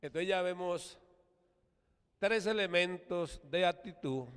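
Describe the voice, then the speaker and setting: A man's voice: high-pitched, takes it slowly, a bit bright, clear, resonant tone. Emphatic Colombian preacher man, echoey hall. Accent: Colombian Spanish. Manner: emphatic, repeats "hermano" and has the congregation repeat words. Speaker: apostle preaching. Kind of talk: sermon with call-and-response. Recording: long echoey hall reverb.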